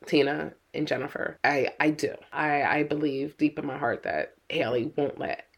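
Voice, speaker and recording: A woman's voice: low voice, fairly even intonation, moderate pace, creaky, breathy edge. A middle-aged woman co-hosting a podcast as a mother, talking earnestly and with worry, often repeating her words. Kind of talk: casual podcast chat.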